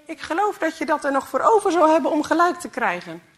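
A woman's voice: on the high side, expressive, moderate pace, fairly bright tone. Cheerful teasing radio man in a storybook reading, read by a woman. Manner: teasing, good-humoured.

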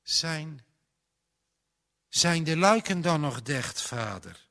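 A man voicing a tired, frightened young farmer's son who speaks in a dull, measured way. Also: mid-range voice, fairly bright tone. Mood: fearful.

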